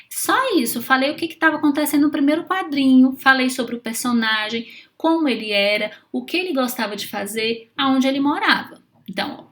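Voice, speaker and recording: Woman, teacher, high voice, patient, checks in with the kids after each step. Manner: patient, checks in often with questions. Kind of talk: children's writing lesson.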